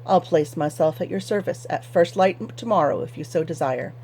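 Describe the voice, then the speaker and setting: A woman's voice: lowish voice, brisk, husky. A woman doing a stubborn, pious old-fashioned farmer. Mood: firm courteous. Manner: firm, flat, stubborn. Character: stubborn, pious middle-aged male farmer.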